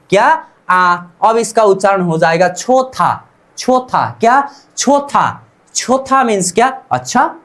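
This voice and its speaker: A teacher leading a beginner language lesson in a slow, deliberate way, repeating each syllable and asking "what?" before answering. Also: medium pitch. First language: Hindi. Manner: repeats each syllable several times for practice.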